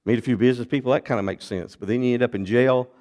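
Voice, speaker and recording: A man preaching a sermon, retelling a Bible story in an animated storytelling manner with big swings in pitch and loudness. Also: rapid-fire.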